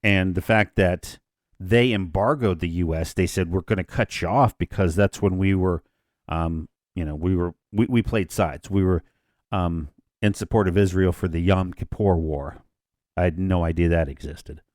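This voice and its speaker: A man's voice: deep voice, normal speed, a little mellow, no echo, clean studio sound. A man in his fifties co-hosting a casual discussion podcast, rambling a little and often restarting his sentences. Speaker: podcast co-host.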